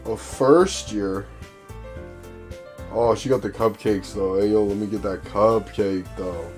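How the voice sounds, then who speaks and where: A man's voice: on the low side, fairly even intonation, slow, darkish tone, faint music behind. A man co-hosting a game stream, teasing his partner playfully and laughing often. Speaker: co-host playing the game. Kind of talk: casual gaming stream chat.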